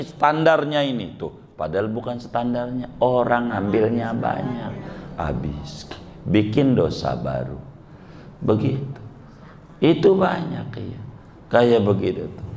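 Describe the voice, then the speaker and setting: A man's voice: lowish voice, vocal fry, a little mellow, a little hiss or hum. A male Islamic preacher from Banten, giving a humorous sermon, chatty and joking, acting out little scenes and repeating words for effect. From Banten, Indonesia.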